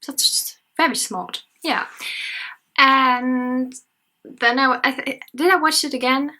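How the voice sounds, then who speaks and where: A high, sharp-toned voice with fairly even intonation belongs to a nineteen-year-old German woman speaking slowly in an unscripted casual vlog. She studies history and sociology, talks chattily and self-consciously with many fillers, and is at her parents' house at night.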